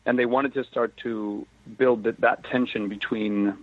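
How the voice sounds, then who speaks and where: A man's voice: medium pitch, fairly even intonation, a little slow, no echo. A man, an actor who is a guest on the show, chatting animatedly in a casual interview, often laughing and acting out quoted exchanges. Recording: tinny phone-line remote audio, dry.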